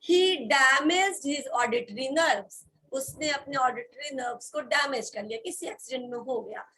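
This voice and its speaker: A woman leads a vocabulary lesson in a classroom. Her voice is high and bright, with a clear, sharp edge. She spells words out letter by letter and keeps checking that the students are following. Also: measured pace, rough recording. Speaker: English vocabulary teacher.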